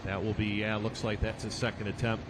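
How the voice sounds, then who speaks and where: A man's voice: little pitch movement, fairly quick. A man calling a live tractor pull as the event announcer, building up the competitors and their records. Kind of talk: live motorsport event commentary. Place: outdoor tractor pulling event. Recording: noisy outdoor event with engine rumble.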